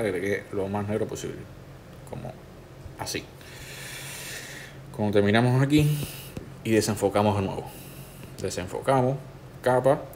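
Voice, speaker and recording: Male tutor, lowish voice, relaxed step-by-step walkthrough. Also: a little hiss or hum. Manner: relaxed, instructive, talks the viewer through each step. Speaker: tattoo artist teaching a digital stencil technique.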